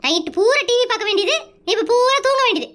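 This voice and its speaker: A performer voicing a frazzled young mother in a cartoon comedy, nagging and yelling threats at her sleepy son. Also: extremely high pitch, expressive, fast, exaggerated voice. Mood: scolding. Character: scolding frazzled young mother, shrill temper. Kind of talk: Tamil cartoon comedy dub.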